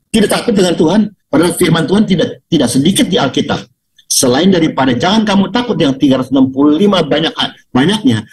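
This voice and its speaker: An older man preaches over a video call in a fairly high voice. He is animated, jumping up into loud, mocking highs and dropping into low, quiet asides. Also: poor audio. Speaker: pastor.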